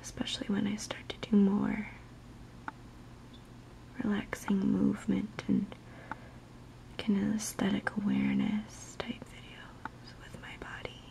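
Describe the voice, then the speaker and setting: Softly whispering young woman, slow ASMR chat. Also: mid-range voice, wildly swooping pitch, gravelly, low-quality recording. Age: young adult. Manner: gentle, unhurried, soothing murmur. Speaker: ASMR video maker.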